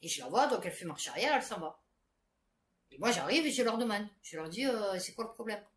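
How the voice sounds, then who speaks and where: Chatty woman vlogger with a lively voice. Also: mid-range voice, quick pace. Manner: chatty, many fillers and restarts. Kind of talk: casual rambling storytelling to camera. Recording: echoey room with faint background noise.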